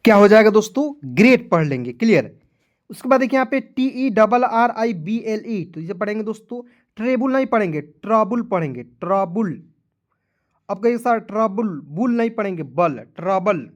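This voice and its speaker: An English teacher gives a Hindi-language spelling lesson, spelling English words letter by letter and asking viewers to comment. His voice sits high and a little mellow, and the audio is dull.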